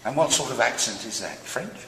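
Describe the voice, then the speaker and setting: Male host, mock-serious and teasing; bright, animated delivery in an echoey theatre hall. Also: medium pitch, a little fast, a little hiss or hum. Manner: teasing, playfully obtuse questions. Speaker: arts show host. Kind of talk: mock-serious interview banter.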